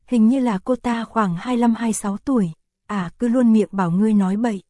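An embarrassed young girl from a storybook, talking fast and sheepishly, read by a woman narrator. The voice stays mellow and soft, close and dry with no room sound, and carries the girl's hurried, apologetic explanations. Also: a little high, dry recording, natural voice.

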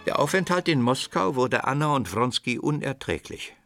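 A man narrating a radio drama in a measured, expressive storytelling manner. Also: mid-range voice, over music. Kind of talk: scripted literary narration.

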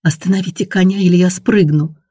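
A man voicing an anxious young noblewoman in an audiobook, who talks in a soft, pleading way. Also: sits high, steady tone, a little fast, slightly rough, no room sound, clean studio sound.

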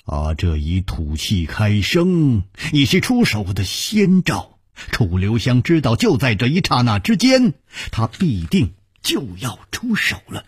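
A man narrating a martial-arts tale in a traditional oral storytelling style, dramatic and unhurried. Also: breathy edge, no echo, clean studio sound. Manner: dramatic, unhurried, wide pitch swings.

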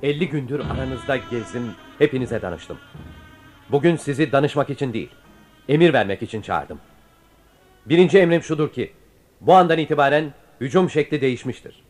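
An actor playing a resolute, imperious sultan in a radio play, giving orders in a declamatory way. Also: male voice, mid-range voice, expressive, fairly quick, darkish tone, soft background music, close to an everyday voice. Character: commanding, resolute young Ottoman sultan.

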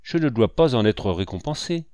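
A man's voice: medium pitch, expressive, moderate pace, darkish tone, no echo, studio quality, close to an everyday voice. A man voicing a poor, honest young mother who speaks humbly in a storybook reading. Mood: grateful. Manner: humble, pleading.

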